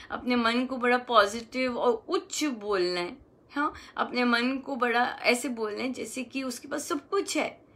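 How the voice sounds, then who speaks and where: A woman giving a gentle devotional talk as a spiritual teacher, coaxing and affectionate, often checking in with her listeners. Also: on the high side, gravelly. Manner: gentle, coaxing, acts out loving self-talk.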